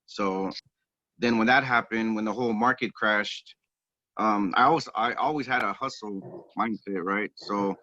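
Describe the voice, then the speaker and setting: A man, a real estate agent guest, telling his story in a relaxed, rambling way, heard over a phone speaker on a group call. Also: fairly low pitch, unhurried, no room sound. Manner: relaxed, rambling, many ums and restarts. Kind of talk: casual interview storytelling. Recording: dull, dry phone audio.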